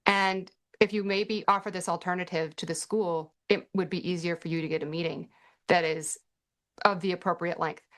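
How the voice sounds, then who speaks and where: A middle-aged woman, a parent advocate, hosts a parenting workshop and answers questions chattily, dropping dry sarcastic asides in this casual teaching Q&A. Her voice is lowish and fairly bright, with a steady tone at a normal speed.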